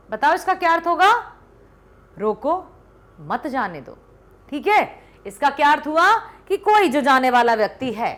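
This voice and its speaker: A woman with a high voice gives an online lesson. She explains patiently, step by step, and keeps stopping to ask the students whether it is clear. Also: a bit bright. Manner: explanatory, asks checking questions. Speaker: teacher. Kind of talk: classroom-style online lesson.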